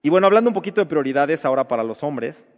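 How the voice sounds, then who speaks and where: A man's voice: a little high, animated, rapid-fire. A man preaching a sermon to married men, asking rhetorical questions in a conversational way. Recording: dull reverberant hall recording.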